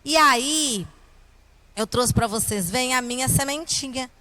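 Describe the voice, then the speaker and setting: A woman's voice: sits high, measured pace, pushed and bright, a little hiss or hum. A woman with a Brazilian accent teaching a children's Bible lesson in a kindergarten teacher voice, with simple explanations and questions put to the children.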